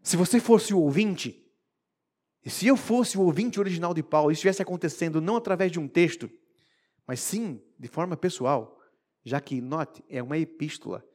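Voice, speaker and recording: Male preacher, high-pitched, expressive sermon delivery, hushed to emphatic.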